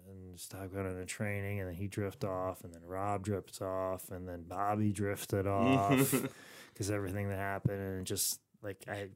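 A man's voice: deep voice, level tone, moderate pace, few pauses, clean tone. A man hosting a podcast, talking casually and rambling through stories with many restarts and fillers. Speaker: podcast host. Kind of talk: casual chat.

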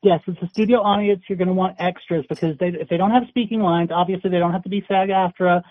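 High-voiced man on a tinny phone speaker. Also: steady tone, fast. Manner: hesitant, stumbling restarts. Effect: heard over a phone speaker. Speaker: casting agency agent. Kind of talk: phone call.

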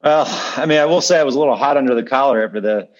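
A man's voice: medium pitch, very fast, highs cut off. A man co-hosting a podcast in casual, conversational talk. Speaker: podcast co-host. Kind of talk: casual chat.

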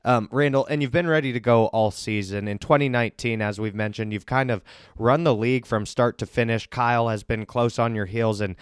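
A man's voice: mid-range voice, fairly quick, smooth, no room sound, studio quality. A man hosting a casual sports podcast, building hype with upbeat banter as he interviews league members. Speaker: podcast host and league commissioner.

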